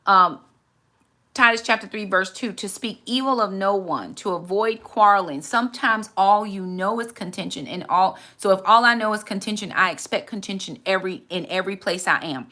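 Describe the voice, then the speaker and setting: A woman's voice: mid-range voice, moderate pace, pushed and bright. A woman in her forties hosting a candid, reflective faith talk, earnest and often repeating words as she gathers her thoughts. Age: 40s.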